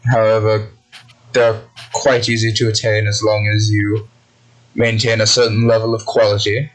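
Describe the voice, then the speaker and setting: A man running a tabletop game as game master, speaking measured and formal in character. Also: fairly low pitch, level tone, low-quality recording.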